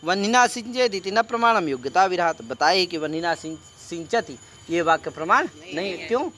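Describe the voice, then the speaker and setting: A man's voice: sits high, lively intonation, moderate pace, pushed and bright. A man teaching a classroom lecture, mixing recited texts with explanation and constantly quizzing his students. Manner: quizzing students with repeated questions; mixes Sanskrit recitation with Hindi explanation. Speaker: Sanskrit teacher.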